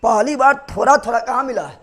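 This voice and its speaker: High-voiced man drilling a biology class. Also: a bit bright. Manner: drills students with repeated quick questions. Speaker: teacher.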